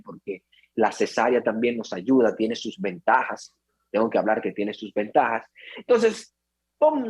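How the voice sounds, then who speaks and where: A man, an obstetrician, explaining labor in an interview and acting out patients and relatives as he goes. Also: a little high. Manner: animated, acts out patients and relatives. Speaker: obstetrician guest.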